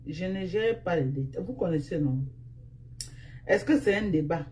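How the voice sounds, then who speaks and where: A woman's voice: on the low side, lively intonation, moderate pace, a little mellow. A woman with a Cameroonian French accent chatting casually on a live stream, speaking into a phone. She teases and scolds in repeated refrains. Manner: repetitive, teasing, scolding refrains.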